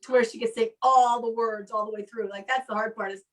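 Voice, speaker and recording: Here the online comedy host is at home on a video call, her voice fairly high and a little fast with a steady tone. She rambles casually through the chat and acts out what people said.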